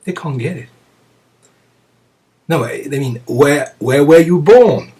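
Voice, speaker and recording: Man, Zen teacher, unhurried and pausing, chuckles between thoughts, distant mic. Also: on the high side. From France. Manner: slow, reflective, with frequent pauses and soft chuckles. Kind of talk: dharma talk to students. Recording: voice picked up from a distance.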